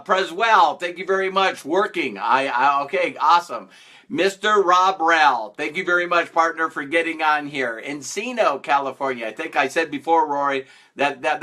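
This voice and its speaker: A man's voice: fairly high pitch, sharp tone. Upbeat man hosting a live stream. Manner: upbeat, greets viewers by name, playful mock-sarcastic emphasis. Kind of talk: casual live-stream talk to viewers.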